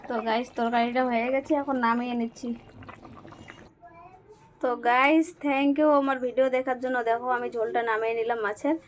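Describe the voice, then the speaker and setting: A woman's voice: fairly high pitch, fairly even intonation, fairly quick, slight background noise. A woman vlogging while she cooks in her small home kitchen, her voice a little thick today, chatting on and on and pleading with viewers to keep watching. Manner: chatty, repeats herself, keeps pleading with viewers. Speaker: cooking vlogger. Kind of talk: casual cooking vlog chat. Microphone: camera propped to one side.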